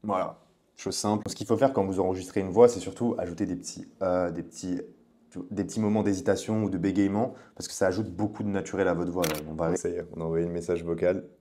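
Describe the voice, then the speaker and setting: A man's voice: low voice, fairly even intonation, fast, warm tone. A man giving a casual, chatty tutorial as a coach, speaking directly to the viewer. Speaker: online business coach.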